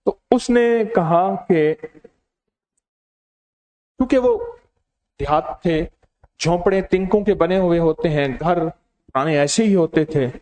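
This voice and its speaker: A man giving a sermon, telling stories and speaking directly to his listeners in an animated way. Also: a little high, long pauses. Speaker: religious preacher. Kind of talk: storytelling sermon.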